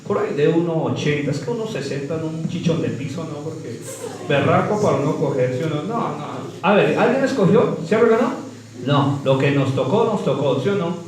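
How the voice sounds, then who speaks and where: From far off in an echoey church hall, with faint music and crowd noise, a man preaches a sermon in a fairly high, animated voice at normal speed. He quizzes the congregation with call-and-response questions and swoops into his emphasis.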